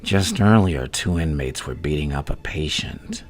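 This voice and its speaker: The Joker, very deep gravelly menace. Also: male voice, lively intonation, full character voice. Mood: morbidly amused. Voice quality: gravelly, breathy half-whisper. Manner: slow, taunting, theatrical, swinging between murmurs and louder bursts. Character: menacing, gleefully insane adult male supervillain clown. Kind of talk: ASMR roleplay monologue addressed to the listener.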